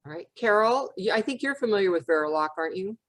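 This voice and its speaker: Moderating a notary question-and-answer webinar on a video call, this woman keeps things casual, friendly and encouraging. Her voice sits at medium pitch, and she talks fast and with lots of animation.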